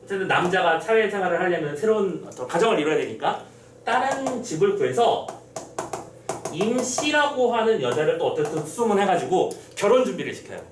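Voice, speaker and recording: A male teacher giving an exam-prep literature lecture, telling the story in an animated way and acting out the characters' quotes. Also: high-pitched, a little fast, a little hiss or hum. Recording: roomy echo, distant mic, faint ambience.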